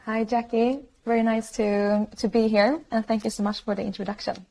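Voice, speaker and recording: A woman's voice: on the high side, level tone, fairly quick, dark tone, rough recording. A woman in her thirties from Sweden, a startup founder telling her story in a casual interview over a video call, with many fillers and restarts. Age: 30s. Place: home room, video call.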